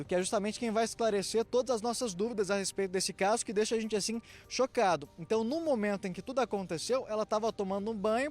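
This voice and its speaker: Guy reporting live on the scene, high voice, punchy emphatic delivery. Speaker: field reporter. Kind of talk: live on-location news report.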